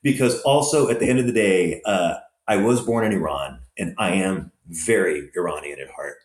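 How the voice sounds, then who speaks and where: The voice sits low and moves at a normal speed, with a roomy sound. He's a restaurant operator and investor from Southern California, telling lively stories with plenty of fillers as he answers interview questions in a conversational way.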